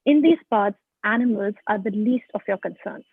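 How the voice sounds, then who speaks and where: A woman's voice: mid-range voice, normal speed, breathy edge, dry recording. Woman reading aloud over a tinny call. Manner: reads aloud with small stumbles and restarts. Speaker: book club reader. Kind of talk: reading a horror story aloud. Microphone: video call. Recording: tinny phone-like call audio.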